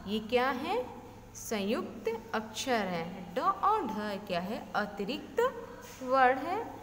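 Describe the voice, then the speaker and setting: A woman, teaching a slow classroom lesson, reciting letters and asking and answering her own questions. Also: fairly high pitch, sing-song, a bit bright, a little hiss or hum. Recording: echoey room with faint ambience.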